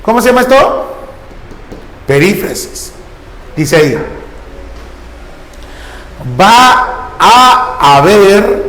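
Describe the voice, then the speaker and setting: A man teaching a grammar lesson to a class, coaxing students with repeated questions and prompts. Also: fairly high pitch. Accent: Peruvian Spanish. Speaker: language teacher. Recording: echoey classroom with long reverb.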